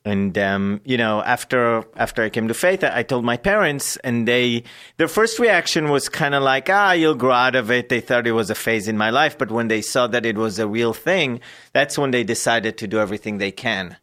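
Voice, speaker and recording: A man from Israel, a guest in an interview, telling his life story earnestly and haltingly with many pauses and fillers. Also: mid-range voice, sharp tone.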